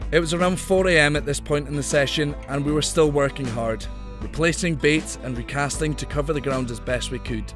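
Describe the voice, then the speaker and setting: A man giving steady, scripted voice-over narration of a fishing trip. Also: fairly high pitch, fairly quick, few pauses, over music. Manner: steady, explanatory. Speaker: channel host narrating.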